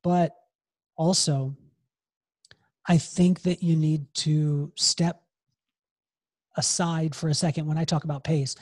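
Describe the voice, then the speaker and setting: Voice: medium pitch, steady tone, takes it slowly, pauses often, darkish tone, no echo, studio quality. A hairdresser and salon coach speaking as a podcast guest, emphatic and given to repeating key phrases. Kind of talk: podcast interview, motivational advice.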